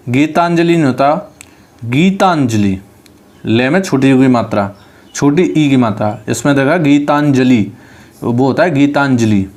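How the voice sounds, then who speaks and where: This mid-pitched, slightly mellow male teacher leads an online exam-prep spelling class. He pronounces each word, then explains its correct spelling.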